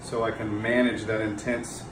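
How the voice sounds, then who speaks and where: A man's voice: on the low side, flat delivery, moderate pace. A man speaking casually and conversationally about his own experience as an ice bath practitioner. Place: garage. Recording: echoey garage, clear background noise.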